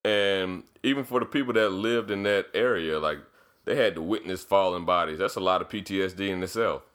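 A man's voice: low voice, fairly quick, fairly bright tone, smooth. A man co-hosting a podcast in casual chat, tossing in joking asides and laughs. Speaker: podcast co-host.

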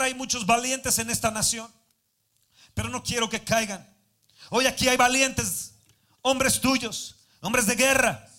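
Fervent high-voiced preacher, shouting declarations. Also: male voice. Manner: rises from calm Bible reading to shouted fervent declarations. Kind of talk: sermon with prayer. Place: church hall.

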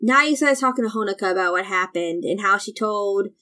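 A woman's voice: medium pitch, animated, fast, pushed and bright. A woman hosting a podcast in casual chat, recapping in a rambling way that drifts into tangents. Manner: rambling, digressive. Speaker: podcast host.

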